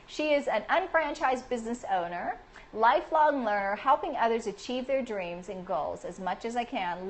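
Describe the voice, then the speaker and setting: A middle-aged woman hosting a casual livestream, bubbly and encouraging, greeting viewers and cheering them on with frequent squealed yays. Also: on the high side. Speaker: livestream host.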